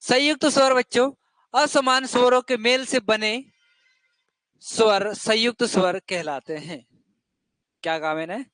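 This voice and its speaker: A man's voice: extremely high pitch, unhurried, long pauses, a bit bright, no echo. A male teacher giving a classroom lesson to children, asking questions and drilling the answers over and over.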